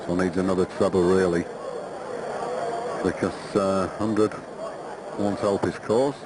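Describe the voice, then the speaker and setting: A man's voice: low voice, little pitch movement, measured pace. A man giving live television commentary on a darts match. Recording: noisy broadcast over loud crowd. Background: loud darts crowd.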